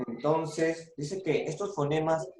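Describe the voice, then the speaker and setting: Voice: medium pitch, steady tone, takes it slowly, darkish tone, reverberant, a little hiss or hum. A teacher giving an online class, patiently repeating points and prompting the students to answer.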